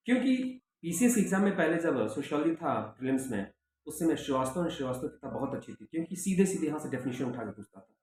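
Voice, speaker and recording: A man's voice: mid-range voice, darkish tone. Middle-aged guy teaching sociology, keeps repeating his points, big echoey room, a bit of hiss behind. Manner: direct, repeats points with emphatic reminders. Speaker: assistant professor of sociology. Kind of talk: lecture giving book advice to students. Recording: very echoey room with faint background noise.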